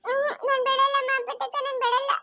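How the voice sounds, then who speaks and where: A woman's voice: very high voice, flat delivery, quick pace, bright, forceful tone, no room sound, clean studio sound, exaggerated voice. A woman voicing a sick, clingy little girl who whimpers and pleads to be carried, in a family moral drama. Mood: whiny tearful.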